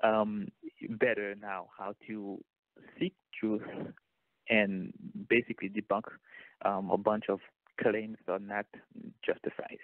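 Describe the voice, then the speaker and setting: A man from Haiti, a guest telling his story in a measured, thoughtful way. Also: fairly low pitch, level tone, no echo. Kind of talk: interview over a call. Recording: tinny phone line, dry.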